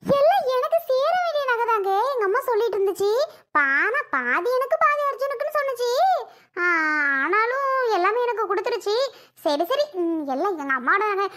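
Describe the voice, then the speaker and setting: A woman's voice: very high-pitched, big pitch swings, a little fast, fairly bright tone, heavily acted. A woman voicing a scheming, grasping young wife in a cartoon, pushy and insistent. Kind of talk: cartoon voice acting.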